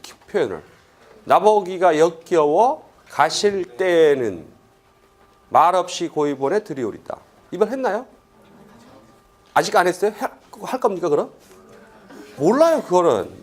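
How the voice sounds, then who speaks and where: A middle-aged Korean man giving a classroom lecture for exam students, asking quick rhetorical questions and acting out quoted lines. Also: high-pitched.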